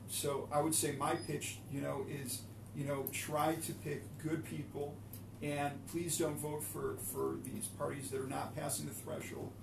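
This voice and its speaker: A man's voice: on the high side, flat delivery, measured pace, gravelly. A man, a father of three, speaking as an election candidate in an interview, earnest and pleading, with many fillers. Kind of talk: interview answer. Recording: echoey room, far from mic, noisy.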